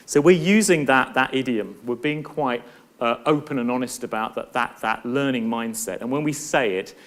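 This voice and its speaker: A middle-aged man presents to a conference audience. His voice sits at an ordinary pitch, and his delivery is earnest and thoughtful. He often repeats a word or restarts a phrase as he works out his point. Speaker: university professor and conference speaker.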